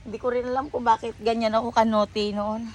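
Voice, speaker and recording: This Filipino-accented woman talks fairly quickly in a slightly high, darkish voice that barely shifts in pitch, with a faint hiss or hum underneath. Vlogging by a river, she chats casually in English and Tagalog, correcting herself and using plenty of fillers.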